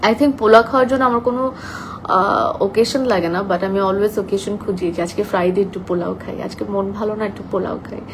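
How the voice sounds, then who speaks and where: A soft-spoken young woman chatting casually on a live stream, reading out viewer comments and mixing English into her talk. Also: mid-range voice, steady tone, fairly quick, background noise.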